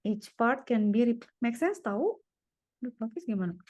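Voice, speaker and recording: A woman's voice: fairly high pitch, expressive, moderate pace, darkish tone, dry recording, clean studio sound. A woman tutoring one student, working through problems aloud and murmuring each step as she goes. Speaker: private tutor.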